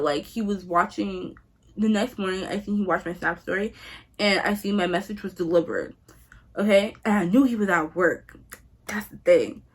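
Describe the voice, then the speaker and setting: A woman's voice: mid-range voice, breathy edge. A young woman vlogger telling a breakup story in a casual, emphatic way, full of slang and swearing.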